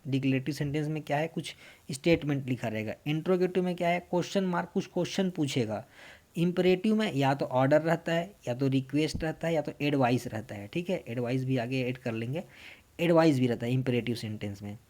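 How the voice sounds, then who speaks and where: A man from India teaching an English grammar lesson for exam students, explaining in Hindi mixed with English, asking questions and answering them himself, and reading English example sentences slowly with an Indian accent. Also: a little high, darkish tone.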